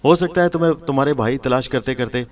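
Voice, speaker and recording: A man voicing a young wife who calmly covers up a secret. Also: mid-range voice, voice pushed up, natural voice. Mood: evasive.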